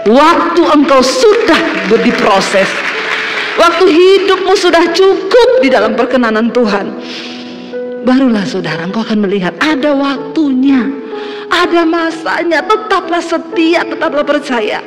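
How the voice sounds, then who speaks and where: A woman's voice: high voice, animated, measured pace, a crowd in the background. A woman pastor preaching a sermon, telling her own story and calling out to the congregation with rising emotion. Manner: emotional, rising to fervent pleading; addresses the congregation directly. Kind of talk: sermon with personal testimony. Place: church hall. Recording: long hall reverb with music behind.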